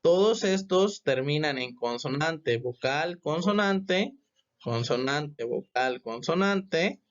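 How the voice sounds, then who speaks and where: A man gives a slow, patient lesson, setting out each rule step by step and pausing to check that it landed. His voice sits a little high for a man. The sound is dull and lo-fi. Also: expressive. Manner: patient, repeats "¿ok?" to check understanding. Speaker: English teacher.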